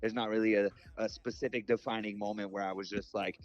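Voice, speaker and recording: A man's voice: fairly low pitch, level tone, fast talker. A man, a musician guest, talking in a loose, rambling way over a phone call, filling his sentences with "like" and "you know.". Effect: heard over a phone call. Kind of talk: casual phone interview. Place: in a different time zone from the host. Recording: dull, muffled phone-line sound.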